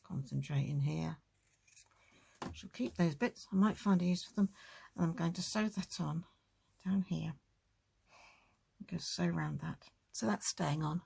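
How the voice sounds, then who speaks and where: A woman's voice: fairly low pitch, a little slow, gravelly, pauses often, mellow, breathy edge. A woman hosting a casual crafting tutorial, chatting and thinking aloud as she works.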